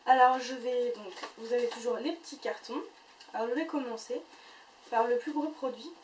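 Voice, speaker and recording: A woman's voice: fairly high pitch, fairly even intonation, normal speed, reverberant. A woman chatting casually as she unboxes and reviews beauty boxes, full of fillers and restarts. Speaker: beauty vlogger. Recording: voice a bit far from the mic, faint noise.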